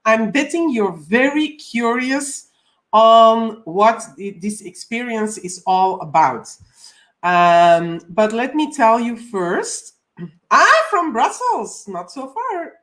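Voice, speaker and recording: A woman's voice: a little high, very animated, slow. A woman from Belgium in her forties, a coach hosting a live stream, welcoming viewers over and over with frequent ums. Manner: warm repeated welcomes, frequent ums, reads viewer comments.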